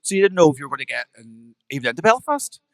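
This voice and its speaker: A man with a Northern Irish accent, a drag performer and guest, trading camp, sharp-tongued quips on a live podcast. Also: a little high, sing-song, rapid-fire, dry recording, clean studio sound. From Northern Ireland.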